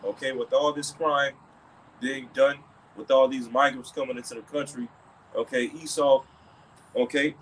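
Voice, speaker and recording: A man talking through a religious commentary in a middle-pitched voice. He rambles, circling back with "okay" and "all right" between thoughts. A faint hiss sits under the recording. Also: flat delivery, normal speed, fairly bright tone, rough recording.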